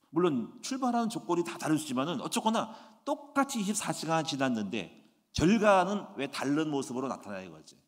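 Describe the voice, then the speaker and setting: A man in his sixties, a pastor delivering a Friday sermon in an animated preaching manner, often asking the congregation rhetorical questions. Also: on the high side. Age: 60s. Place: church sanctuary. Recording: echoey church hall reverb.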